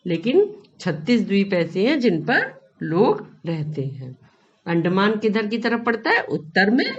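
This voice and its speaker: Hindi-speaking teacher woman, lively quizzing lesson. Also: fairly low pitch, muffled recording, a little hiss or hum. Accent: Indian Hindi. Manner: reads a line, then asks the class and repeats the answer. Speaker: school teacher. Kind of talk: classroom lesson explanation.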